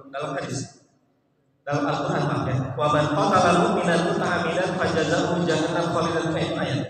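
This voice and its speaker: A man preaching in a mosque, telling lively stories, mimicking voices and chanting Arabic phrases. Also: a little high, noisy background. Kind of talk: mosque sermon. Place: mosque hall. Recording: echoey hall from far off.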